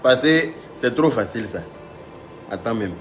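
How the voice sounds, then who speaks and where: A man's voice: mid-range voice, expressive, moderate pace, over music. A man hosting a live stream, mocking a rival and calling on viewers, stammering through restarts.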